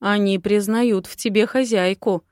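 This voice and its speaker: A woman's voice: mid-range voice, steady tone, unhurried, a little mellow, smooth, dry recording, clean studio sound, natural voice. A woman voicing a brash, teasing young male huntsman-steward in an audiobook, with a smug manner. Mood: admiring.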